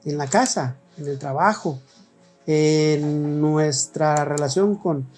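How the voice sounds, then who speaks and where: A man's voice: a little high, slow pace, darkish tone, soft background music. A man with a Mexican accent, a pastor preaching a sermon in a conversational way and acting out short dialogues.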